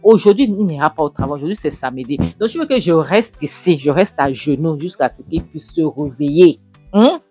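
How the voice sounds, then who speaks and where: A man's voice: a little high, animated, moderate pace, slightly rough, dry recording, soft background music. Man playing a defiant, indignant young woman. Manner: indignant, sharp retorts.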